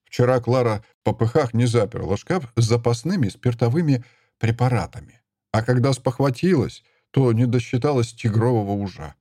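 A man narrating an audiobook in a measured, expressive storytelling manner on a close mic. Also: mid-range voice, no echo.

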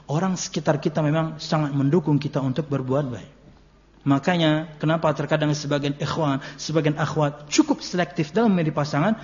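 High-voiced preacher, chatty and joking. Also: male voice, a little mellow. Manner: chatty, joking, mixing in local words. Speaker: Islamic preacher. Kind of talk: casual sermon talk. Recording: muffled lo-fi recording.

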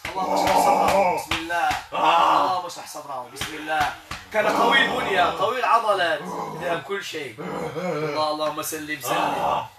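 A man with a Moroccan accent, working as a Quranic healer in a spoken exorcism session. He keeps asking short tag questions and murmurs prayers softly. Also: fairly high pitch, fairly quick, gravelly, heavy background noise. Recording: echoey room, voice from a distance, crowd behind.

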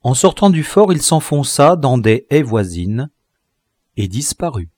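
A man narrating a classic novel as an audiobook, his voice moving widely through its range. He reads slowly and deliberately, and the recording is close and dry with no room sound. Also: medium pitch, dry recording. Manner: expressive literary reading. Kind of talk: scripted narration.

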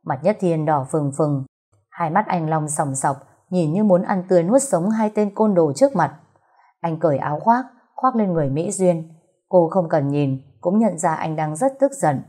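Low mellow woman narrating a romance story. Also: expressive, moderate pace, husky.

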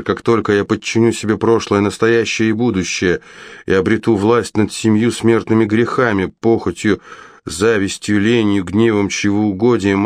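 A man voicing a slow, menacing witch. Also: lowish voice, dry recording, clean studio sound, natural voice. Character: sinister scheming adult female witch.

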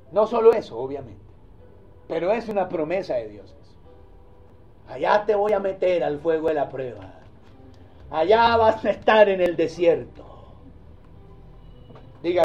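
A male pastor preaching a sermon. He tells the story in a lively way and keeps asking the congregation questions. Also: high voice. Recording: dull lo-fi recording.

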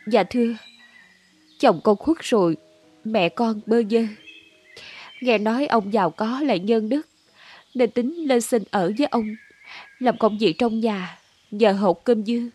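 A sick, poor young widow in a storybook drama, played by a woman with a husky, fairly high voice. She answers weakly and humbly. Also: measured pace, pauses often, darkish tone, faint music behind. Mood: weary, humble. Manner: weak, humble, respectful.

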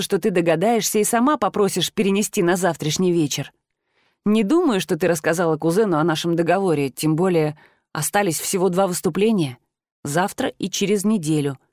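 A calm, gentle young man, speaking low and soft to reassure, as a woman narrator reads him. The voice sits a little under her own and stays even. The sound is dry and close. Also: no room sound, lightly acted.

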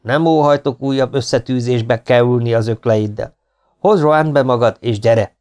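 A man's voice: mid-range voice, darkish tone, close to an everyday voice. A man voicing a cocky young marquis in the legion, coolly amused and mocking in an audiobook story. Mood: teasing.

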